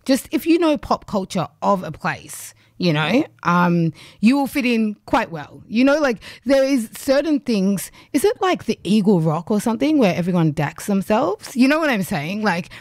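A woman's voice: medium pitch, sing-song, normal speed, few pauses, a little mellow, no echo, clean studio sound. A woman radio host, raised in Australia with Ugandan roots, chatting in a loose, rambling way between songs.

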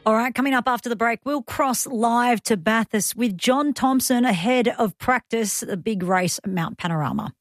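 A woman hosting a radio show in a smooth, easygoing presenter manner, chatting with a guest and leading into the break. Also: fairly high pitch, soft background music. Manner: smooth, easy on-air patter with quick wrap-ups. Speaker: radio host.

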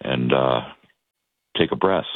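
A man from Boston with a Boston accent, a guest in a political interview, talking haltingly with many fillers. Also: rumbling low, no echo. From Boston, Massachusetts. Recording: tinny phone-like line.

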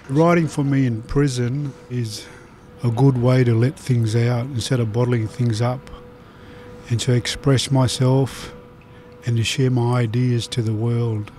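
A man's voice: mid-range voice, mellow, a little hiss or hum. An Australian man, an inmate poet, speaking earnestly and reflectively in an interview.

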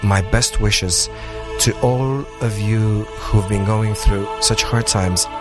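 A man's voice: on the low side, steady tone, takes it slowly. A man from Hungary with a Hungarian accent, speaking hesitantly with many fillers. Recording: loud music bed behind.

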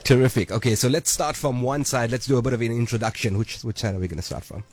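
Upbeat radio host. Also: male voice, medium pitch, a little mellow. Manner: upbeat, hyping, quick asides. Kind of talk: lively radio presenting. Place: radio studio. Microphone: studio microphone.

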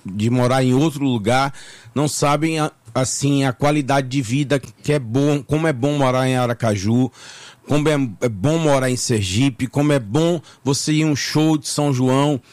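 A man's voice: medium pitch, moderate pace, darkish tone. A man from Bahia, Brazil, talking as a tax lawyer guest on a radio morning show, chatty and full of fillers and repeats. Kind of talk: casual radio interview. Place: radio studio.

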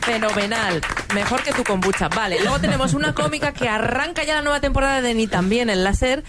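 A woman co-hosting a comedy radio quiz show, playful and teasing, firing off quick jokes. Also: on the high side, lively intonation, a loud crowd, very noisy. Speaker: co-host.

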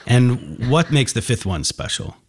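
Interviewing a young musician on a conversational broadcast, a male host speaks unhurriedly in a medium-pitched, sing-song voice with a breathy edge. He is encouraging and complimentary, asking simple guiding questions.

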